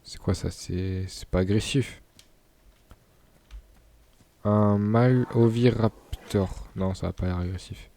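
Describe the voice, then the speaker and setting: Young man chatting over gameplay, mellow voice. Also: deep voice, flat delivery, normal speed, gravelly, hardly any pauses. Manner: chatty, laughs and stumbles over words. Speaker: gaming YouTuber. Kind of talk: casual gameplay commentary.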